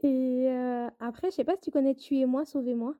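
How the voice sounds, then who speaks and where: A woman's voice: high-pitched, steady tone, a little fast. A woman guest in a casual chat, chatty and hesitant with fillers, heard over a tinny remote line. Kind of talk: casual chat about TV dramas.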